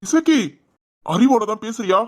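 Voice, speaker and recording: A man voicing a firm but loving village father in an animated family drama, with a Tirunelveli Tamil accent and a reassuring manner. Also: high voice, brisk, natural voice. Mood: stern. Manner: steady, reassuring.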